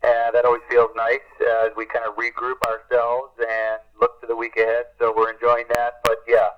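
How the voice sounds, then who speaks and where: A man giving an earnest, unhurried field report over a walkie-talkie radio link, ending each turn with "over" and often pausing with "uh". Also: mid-range voice, monotone. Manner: earnest, unhurried, with many "uh" fillers. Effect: heard over a walkie-talkie radio link. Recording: dull lo-fi radio transmission.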